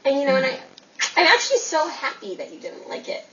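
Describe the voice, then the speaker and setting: A rambling, self-absorbed young writer, hedging every point with little fillers. Her voice sits a touch high and comes from a distance on a dull TV soundtrack. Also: wildly swooping pitch, quick pace, a crowd in the background, exaggerated voice. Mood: defensive, earnest. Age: young adult. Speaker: aspiring writer girlfriend.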